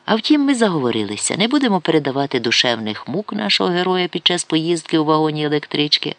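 Lively man reading an audiobook. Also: high voice, no room sound. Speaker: narrator. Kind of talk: audiobook reading of a comic novel.

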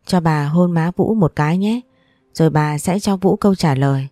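A woman's voice: low voice, normal speed, warm tone, no room sound, clean studio sound, natural voice. A woman voicing a tender, loving older grandmother in a storybook reading.

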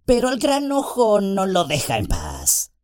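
A man voicing a sly, malevolent male orc messenger in an audiobook, his voice softer and sweeter than the others, sneering and mocking. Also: high voice, wildly swooping pitch, unhurried, voice pushed up, exaggerated voice. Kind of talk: audiobook character voice.

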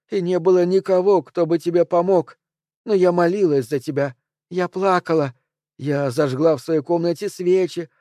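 A man reading an audiobook, voicing an agitated, unstable woman holding a gun, in shrill emotional outbursts. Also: warm tone, no echo, clean studio sound, close to an everyday voice.

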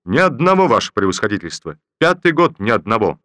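A man's voice: fairly low pitch, very animated, brisk, a bit bright, no room sound, studio quality. A man reading an audiobook voices a proud army captain who answers his general in a confident, self-assured tone.

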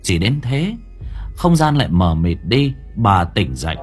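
A man reading a horror story aloud as an audiobook narrator, in expressive storytelling style. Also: fairly low pitch, a little slow, over loud music.

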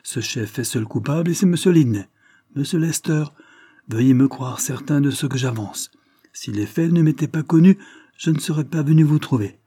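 Man voicing a shrewd police chief, measured, authoritative, raised pitch, husky. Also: animated, mellow, no echo, studio quality. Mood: firm. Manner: measured, explaining. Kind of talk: audiobook character reading.

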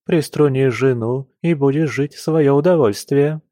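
A man's voice: medium pitch, moderate pace, mellow, no echo, studio quality, pitched above the performer's own voice, lightly acted. A man voicing a melodramatic, fussy older noblewoman, a mother who wails theatrically. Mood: wailing theatrical. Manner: wailing, theatrical.

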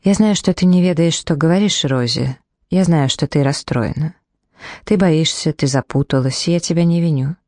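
A woman voicing a guarded, controlling adult sister in an audiobook, speaking calmly with a quiet, cutting condescension. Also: deep voice, moderate pace, dry recording, studio quality. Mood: condescending. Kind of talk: audiobook character reading.

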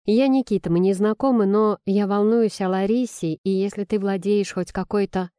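A woman's voice: mid-range voice, fairly even intonation, normal speed, dark tone, clear, resonant tone, no echo, clean studio sound, lightly acted. A woman reading a storybook, voicing an anxious, impatient young male doctor. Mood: anxious, hurried. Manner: nervous, pushy.

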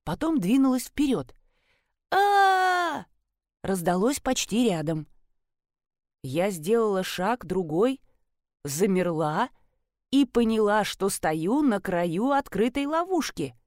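A woman reads a first-person detective story aloud in a lively way, with wry asides. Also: mid-range voice, slow pace, no room sound, clean studio sound. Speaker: audiobook narrator. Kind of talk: scripted first-person narration.

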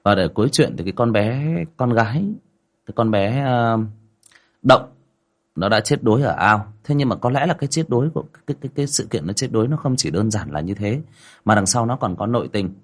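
A man hosting a livestream reads a village ghost story aloud, telling it dramatically with lively rises and falls. His voice is fairly low and his pace a little fast.

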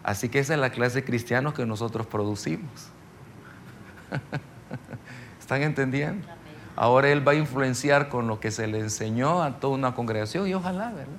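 A middle-aged pastor teaches a ministry seminar in a loose, story-driven sermon style. His voice has a gravelly edge at an ordinary male pitch, and he keeps turning to the listeners to check that they are following. Faint noise sits behind him. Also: moderate pace, long pauses.

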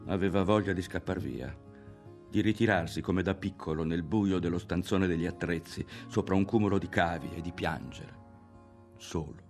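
A man reading a literary novel aloud as an audiobook narrator, in a measured and expressive manner. His voice sits very low and carries a gravelly rasp. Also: soft background music. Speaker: audiobook reader.

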